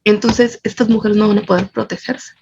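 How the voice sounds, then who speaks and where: A woman's voice: medium pitch, steady tone, normal speed, creaky, darkish tone, a little hiss or hum. A Mexican woman psychologist explaining in an interview, with a Mexican accent, speaking intensely and stressing points through repetition. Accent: Mexican Spanish. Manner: intense, emphatic, builds with repetition. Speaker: psychologist and feminist activist, interview guest. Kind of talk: earnest explanatory interview answers. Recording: dull lo-fi audio.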